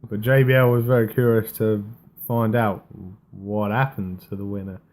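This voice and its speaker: A man's voice: on the low side, level tone, normal speed, darkish tone. A man co-hosting a wrestling podcast in casual chat, sounding unenthusiastic and dismissive. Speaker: podcast co-host.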